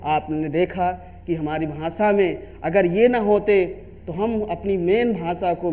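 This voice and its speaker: A man teaching a grammar lesson to students, often repeating himself and asking them questions he then answers. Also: sits high. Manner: repeats and asks the class questions.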